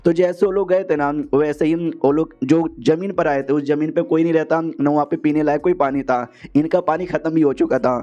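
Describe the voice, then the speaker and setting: A man's voice: fairly high pitch, fairly even intonation, brisk, few pauses, mellow. Slangy male recap narrator, rambling. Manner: slangy, rambling, heavy on filler words. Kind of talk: casual story recap voiceover. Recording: dull lo-fi voiceover.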